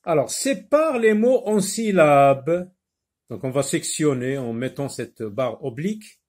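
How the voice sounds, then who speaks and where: A man teaching a phonics lesson, repeating words slowly and patiently, sometimes explaining in Arabic. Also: fairly high pitch, lively intonation, a little mellow. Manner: switches briefly into Arabic to explain. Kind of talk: primary school phonics lesson.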